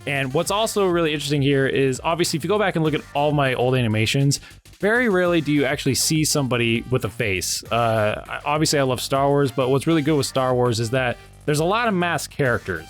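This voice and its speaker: Casual guy host, mid pitched, chatting and rambling about his own videos, music playing behind. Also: animated, fast talker. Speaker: animation channel creator and host.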